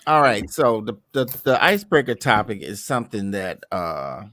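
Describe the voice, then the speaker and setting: A man's voice: lowish voice, big pitch swings, moderate pace, sharp tone, dry recording, clean studio sound. A man hosting a podcast in casual chat, telling stories with a laid-back, joking manner. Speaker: podcast host.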